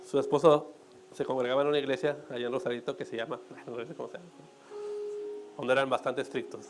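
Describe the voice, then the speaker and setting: A man's voice: mid-range voice, steady tone, fast talker, background noise. A man with a Mexican accent preaching a conversational sermon in church, with joking asides and frequent checks on his listeners.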